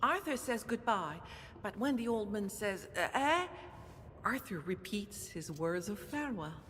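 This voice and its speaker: A woman narrating a story-driven game in a measured, storytelling manner. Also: mid-range voice, animated, a bit bright, long reverb tail, slight background noise.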